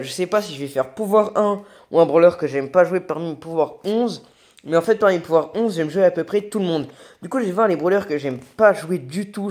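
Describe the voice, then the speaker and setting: Excitable, raging gamer guy, higher-pitched voice. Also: a little hiss or hum. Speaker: gaming video creator. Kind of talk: casual gameplay commentary.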